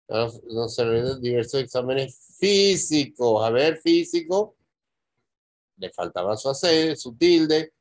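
A man's voice: medium pitch, dry recording. A man reviewing a student's screenplay, thinking aloud as he reads and stopping to fix details. His voice sits in an ordinary middle register. The recording is dry and close, with no room sound. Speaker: screenwriting teacher. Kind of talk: script review.

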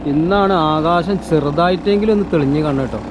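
ശബ്ദമയമായ പുറംപശ്ചാത്തലത്തിൽ English കലർത്തി പറയുന്ന മലയാളി പുരുഷ vlogger. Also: male voice, on the high side, fast. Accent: Kerala Malayali. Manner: Malayalam mixed with English words. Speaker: travel vlogger. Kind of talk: casual vlog commentary. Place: outdoors on a lake boat and shore. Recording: noisy outdoor boat and traffic ambience.

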